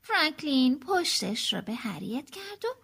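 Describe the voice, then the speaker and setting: A woman reading a children's storybook aloud, with a high voice. Her pitch moves in wide, lively swings. She slows down for emphasis. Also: creaky. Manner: expressive, slowing for emphasis.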